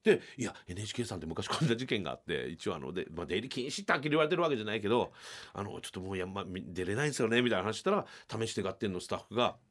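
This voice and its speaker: A middle-aged man hosts a podcast from a small radio studio, telling a comedy story in an animated way. He talks very fast with few pauses and lively intonation, acting out the characters with loud, shouted bursts and big jumps in pitch.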